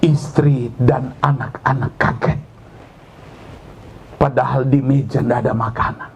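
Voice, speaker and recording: Gravelly-voiced pastor telling a story. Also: male voice, unhurried, dull audio, a little hiss or hum. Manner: animated, rising to high pitch when building tension. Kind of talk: sermon storytelling. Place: church service.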